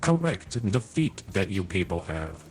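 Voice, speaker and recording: A man's voice: sits low, sing-song, unhurried, gravelly, faint music behind, heavily acted. A man voicing a prim, overly polite male AI companion in a tabletop game, his voice run through a morphing voice changer, talking formally with a few slips. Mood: prim, courteous. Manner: formal, courteous, stiff phrasing with slips.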